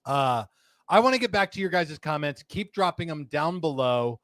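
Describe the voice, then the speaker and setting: A man's voice: on the high side, expressive, normal speed, fairly bright tone, no room sound. A man hosting a live cigar show, chatting casually, joking and reading viewer comments aloud. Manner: jokey, rambling, reads viewer comments aloud. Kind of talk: casual live-stream chat.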